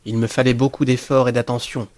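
In a medium-pitched voice, a male audiobook narrator reads a horror tale told in the first person. His delivery is deliberate, measured and expressively literary.

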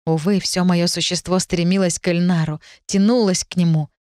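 Woman audiobook narrator, first person, measured delivery, dry booth sound. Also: lowish voice, fairly even intonation, darkish tone, no room sound.

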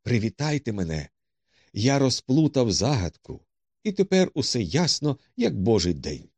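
A boastful, excitable police detective, as a man puts him on, bursting with self-satisfaction. His voice leaps up and down with lively swings, and the close, dry sound keeps every word up front. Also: medium pitch, moderate pace, no room sound, pitched above the performer's own voice.

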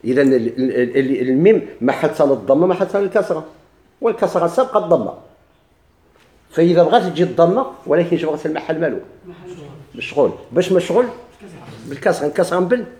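Fast-talking Moroccan grammar teacher, echoey room. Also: male voice, a little high, lively intonation, mellow. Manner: slows right down to recite quoted verses and examples; gives letters and words their own speaking lines. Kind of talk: explaining a grammar text.

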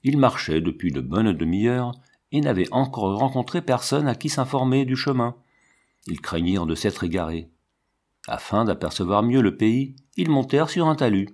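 A man narrating a classic children's storybook as scripted audiobook narration. His voice sits on the low side. The reading stays steady and measured throughout.

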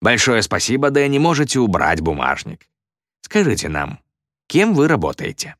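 A man voicing a smug stage magician with a slow, drawn-out, mocking showman delivery in a storybook reading. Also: mid-range voice, very animated, fairly bright tone, dry recording, clean studio sound, pitched above the performer's own voice.

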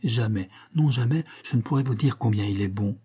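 A man's voice: mid-range voice, brisk, mellow, slightly rough, close to an everyday voice. A man reading an audiobook and voicing a sweet young wife who speaks in a caressing, pleading way. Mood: tender.

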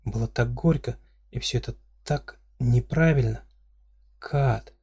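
A man reading a fantasy novel aloud in steady first-person narration. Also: mid-range voice, unhurried, breathy edge. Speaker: audiobook reader.

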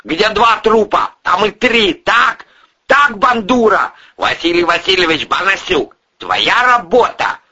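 A man voicing a bullying middle-aged male oligarch who barks insults and shouts, on an audiobook. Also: medium pitch, very animated, slow, husky, highs cut off, pitched above the performer's own voice, full character voice. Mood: bellowing. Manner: barking, scornful, shouting insults.

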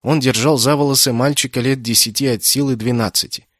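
A man reading a novel aloud as an audiobook narrator, telling the story in an even, measured way. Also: mid-range voice, dry recording, clean studio sound. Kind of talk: scripted narration.

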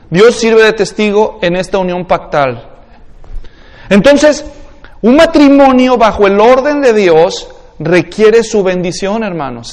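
A man's voice: high-pitched, in a large hall. A man with a Mexican accent preaching an expository sermon in a conversational way, often asking the congregation questions. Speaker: pastor.

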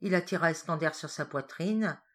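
A woman's voice: low voice, normal speed. A woman reading a novel aloud as an audiobook narrator, voicing the dialogue with lift. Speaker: audiobook reader. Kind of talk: scripted narration.

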